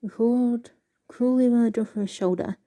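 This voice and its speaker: A woman casually reading passages aloud with a halting, stumbling delivery and soft asides. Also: a little high. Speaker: video creator reading excerpts aloud.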